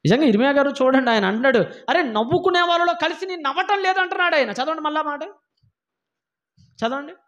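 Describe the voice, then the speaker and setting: A man with a high, lifted voice preaches a sermon. He scolds his listeners and hammers them with repeated rhetorical questions. The recording sounds dull and lo-fi. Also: fast talker, hardly any pauses, a bit bright. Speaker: pastor.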